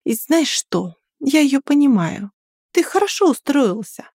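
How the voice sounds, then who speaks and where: A woman reading an audiobook and voicing a bold young woman who defends her friend with sharp, threatening words. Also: high voice, sing-song, measured pace, no echo, clean studio sound, pitched above the performer's own voice, heavily acted. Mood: stern. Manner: sharp, threatening, then coaxing.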